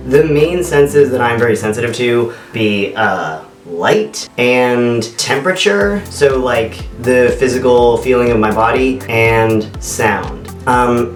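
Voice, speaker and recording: A man chatting casually as a channel host reviewing products, his voice echoing around a bare new apartment room. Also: medium pitch. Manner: chatty, easygoing, sometimes digresses. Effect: big echoey room sound. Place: echoey, sparsely furnished room in a new apartment. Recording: roomy echo, mic at a distance.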